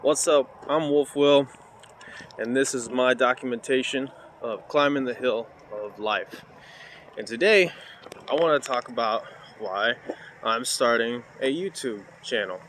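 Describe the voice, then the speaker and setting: A man's voice: mid-range voice, a little slow, a bit bright, a little hiss or hum. A man recording a casual phone video of himself on an outdoor trail, chatting and rambling with plenty of "uh"s while he walks with a heavy sandbag. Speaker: vlogger and parkour coach. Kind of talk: casual talking-to-camera vlog. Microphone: cheap phone held while walking.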